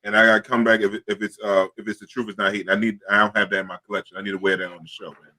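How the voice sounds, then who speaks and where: Fast-talking, bright-voiced male host. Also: fairly low pitch. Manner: loose, excitable, streetwise banter with fillers. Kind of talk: casual talk-show chat.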